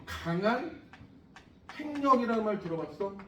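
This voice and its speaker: A man's voice: high-pitched, lively intonation, moderate pace, slight background noise. Profane joking man lecturing in an echoey classroom. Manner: blunt, profane and joking, fires questions at students. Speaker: science lecturer at a cram school. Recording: echoey room, mic at a distance.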